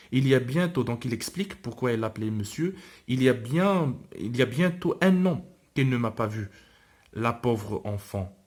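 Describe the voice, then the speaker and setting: A man, a French teacher, reads a novel aloud and explains it to his students, pausing often with hesitant fillers and restarts. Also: medium pitch.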